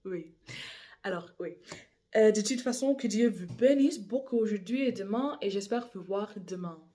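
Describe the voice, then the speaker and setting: A woman's voice: medium pitch, normal speed, warm tone. A young woman with an English accent reading scripture aloud in a second language, hesitant and often correcting herself. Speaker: Bible reader. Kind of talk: reading scripture aloud, then casual chat.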